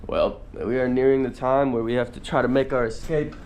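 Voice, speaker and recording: A man's voice: mid-range voice, fairly even intonation, a little fast, darkish tone, a little hiss or hum. A man narrating an overnight camping vlog in a casual, informal, understated way. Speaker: vlogger.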